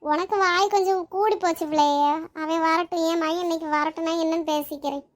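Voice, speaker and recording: A woman's voice: very high-pitched, fairly even intonation, fairly quick. A woman voicing a bossy, quarrelsome old mother-in-law in a cartoon, speaking. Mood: scolding. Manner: scolding, demanding, picks fights.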